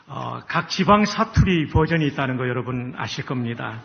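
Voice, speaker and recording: A male preacher from the Chungcheong region speaking in a calm, measured way with frequent hesitation fillers. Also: mid-range voice, vocal fry, lo-fi sound. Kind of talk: sermon introduction.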